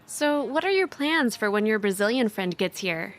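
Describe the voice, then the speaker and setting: A woman's voice: mid-range voice, expressive, unhurried, natural voice. An actress playing a confident young woman with a playful, self-assured manner in a scripted English dialogue scene. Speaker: dialogue character.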